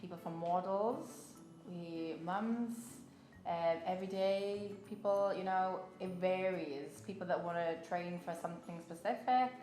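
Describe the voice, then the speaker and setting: Lower-pitched woman of thirty, casual chat. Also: a little slow, dark tone. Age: 30s. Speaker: fitness coach. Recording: roomy, music behind.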